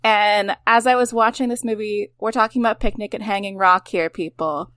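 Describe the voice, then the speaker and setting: A woman's voice: mid-range voice, steady tone, normal speed, a bit bright, dry recording, clean studio sound. A woman hosting a podcast in casual chat, talking in a chatty, self-deprecating way with many fillers. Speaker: podcast host.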